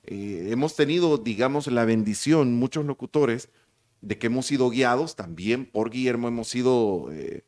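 A man with a Salvadoran accent, a radio announcer telling lively stories as a guest in an interview. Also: medium pitch, normal speed. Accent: Salvadoran Spanish. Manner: animated, vivid anecdote-telling.

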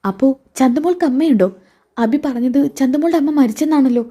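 A woman voicing a frightened young wife who has just discovered her husband's betrayal, talking in high, alarmed bursts. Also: a little fast, dark tone, lightly acted. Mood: distressed.

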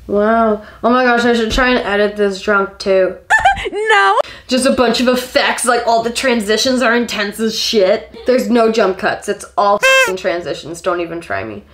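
A giggly, drunk woman in her twenties chats to camera as a makeup vlogger. Her voice sits fairly high and she rambles loosely with plenty of swearing. The room is noticeably echoey, with the camera a step or two away. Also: moderate pace, very noisy. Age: 20s. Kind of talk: casual chat to camera while doing makeup. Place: small home kitchen, indoors.

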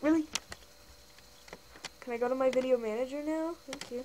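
High-voiced young woman reading comments. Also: moderate pace, noisy background. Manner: chatty, giggly, reads comments aloud and answers them. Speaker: channel host. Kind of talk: casual comment-reading vlog.

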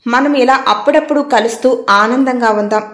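A woman's voice: fairly high pitch, normal speed, fairly bright tone, lightly acted. A woman voicing a pushy, flirtatious male film contractor who talks in a familiar, coaxing, insistent way. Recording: echoey room.

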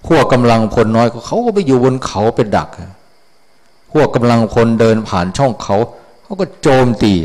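A Buddhist monk giving a casual dharma talk, blunt and folksy, often drifting off the point. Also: male voice, fairly low pitch, gravelly, darkish tone.

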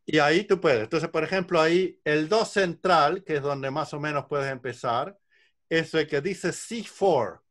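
A man's voice: a little high, measured pace, a bit bright. Older man patiently teaching singing. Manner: patient, explanatory, illustrates with counting and examples. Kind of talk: online lesson on singing. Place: home room with a bookcase. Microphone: video call.

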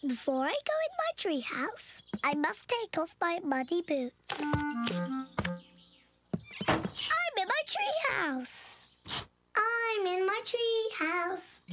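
A woman voicing a cheerful, bossy little girl piglet in a children's cartoon, talking in a bright sing-song way with lots of giggles. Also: very high-pitched, big pitch swings, very slow, pauses often, heavily acted. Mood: excited. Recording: theme music behind the voice.

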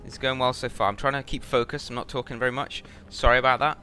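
A young man plays a horror game live, reacting in a scared, jumpy way and swearing freely. His voice is bright and tense, with game music running behind it. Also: mid-range voice, steady tone, quick pace. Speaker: game streamer.

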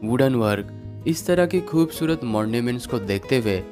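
A man giving a steady, informative voice-over as a travel vlogger, narrating a guided tour. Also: mid-range voice, normal speed. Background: clear guitar music.

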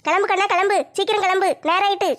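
A woman playing a sharp-tongued, bossy middle-aged mother in a comedy skit, scolding and giving orders. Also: very high-pitched, steady tone, rapid-fire. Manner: scolding, commanding.

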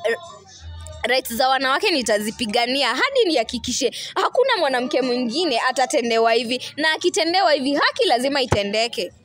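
Defiant young Kenyan woman, high voice. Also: big pitch swings, brisk, fairly bright tone, soft background music. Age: 20s. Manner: defiant, insistent, repeats herself. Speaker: interviewee. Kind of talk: emotional street interview. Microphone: handheld mic.

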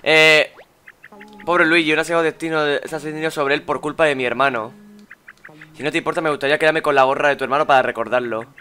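Sad young female companion , read plainly by a Spanish man, bright tone. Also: a little high, steady tone, quick pace, clear, resonant tone. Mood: sorrowful.

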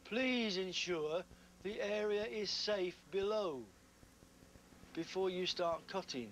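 A man's voice: sits high, slow pace, a bit bright, a little hiss or hum. Stern man warning a meeting. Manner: stern, emphatic. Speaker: safety officer. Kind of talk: briefing a meeting.

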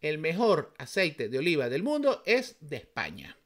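A man's voice: a little high, huge pitch swings, normal speed, fairly bright tone. A man from Venezuela with a Venezuelan accent, giving casual, emphatic reaction commentary as a vlogger, full of rhetorical questions.

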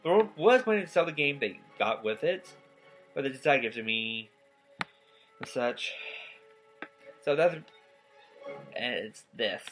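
A nineteen-year-old man giving a casual, rambling vlog update, tired and yawning, talking in halting stops and restarts. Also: mid-range voice, expressive, a bit bright, soft background music, poor audio. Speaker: gaming YouTuber. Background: faint game soundtrack.

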